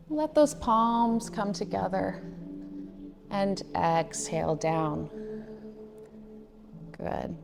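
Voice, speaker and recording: A woman in her thirties guiding a somatic yoga meditation as instructor, in a gentle, measured, soothing manner with drawn-out phrases. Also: on the high side. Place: indoors, decorated studio room. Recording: reverberant hall sound with faint music. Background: faint music.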